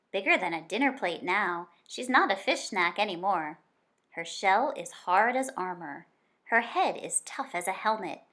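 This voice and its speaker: A woman reads aloud from a children's nonfiction picture book, sounding much like a teacher. She keeps her voice mid-range and tells it in an expressive, unhurried storytelling way.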